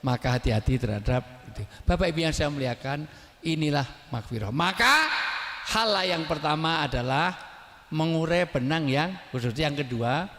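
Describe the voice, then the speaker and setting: A middle-aged man with a Javanese accent, giving a humorous sermon to a congregation, jokey and breaking into loud, emphatic bursts. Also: mid-range voice. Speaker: preacher. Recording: long hall reverb.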